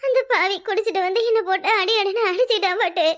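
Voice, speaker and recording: A woman voicing a fretful, sharp-tongued village wife in a cartoon, with a Tirunelveli Tamil accent. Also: extremely high pitch, fast talker. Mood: tearful. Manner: grumbling, scolding. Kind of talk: cartoon voice acting.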